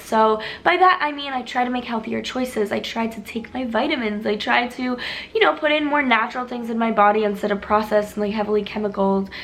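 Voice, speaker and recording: Indoors, with traffic sounds from the street outside, a woman in her twenties who does beauty vlogging talks to a little camera; her voice is fairly high-pitched and bright, and her casual talking-head chat wanders, peppered with "like" and frequent restarts.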